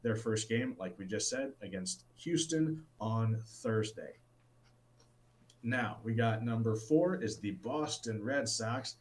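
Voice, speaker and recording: A man co-hosting a casual sports podcast, talking with lots of fillers and restarts and getting excited about baseball. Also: lowish voice, slow, a little hiss or hum. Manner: rambling, many fillers and restarts. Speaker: podcast co-host.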